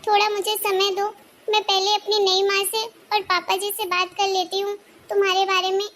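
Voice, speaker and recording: A woman voicing a gentle, worried young woman, a mistreated stepdaughter in a cartoon, speaking softly and meekly. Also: extremely high pitch, level tone, moderate pace. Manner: soft, meek and anxious.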